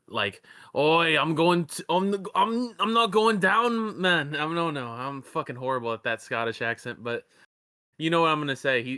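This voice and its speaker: A man's voice: mid-range voice, pushed and bright, smooth. A man giving casual, rambling fight predictions, laid-back and often profane. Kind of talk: casual chat.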